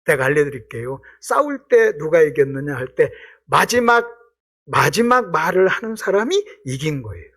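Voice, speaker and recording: A middle-aged man preaching a revival sermon in a church, acting out quoted voices with sudden shouts and drops. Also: fairly high pitch, very animated, normal speed. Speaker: guest pastor. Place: church sanctuary.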